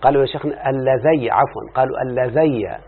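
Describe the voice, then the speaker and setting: A man's voice: mid-range voice, vocal fry. Egyptian sheikh quizzing his class over a tinny line. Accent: Egyptian Arabic. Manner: quizzes students with repeated questions; reads quoted text slowly and deliberately. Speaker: Islamic scholar teaching grammar. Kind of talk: classroom lecture. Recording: lo-fi phone-like recording with faint hiss.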